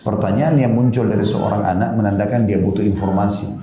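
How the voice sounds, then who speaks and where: A man's voice: fairly low pitch, steady tone, brisk, dark tone, reverberant, a little hiss or hum. A man giving a conversational Islamic sermon to parents, acting out children's questions as he lectures. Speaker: Islamic preacher.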